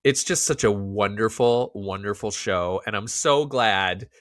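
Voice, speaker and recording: A man co-hosting a podcast in casual chat, talking with animated, profane rants. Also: lowish voice, a little slow, dry recording, studio quality. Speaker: podcast co-host.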